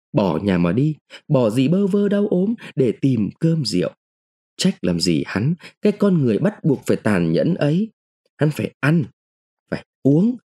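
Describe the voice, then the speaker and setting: A man reading a literary short story aloud in the first person, with an expressive, dramatic delivery. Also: medium pitch, husky. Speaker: narrator.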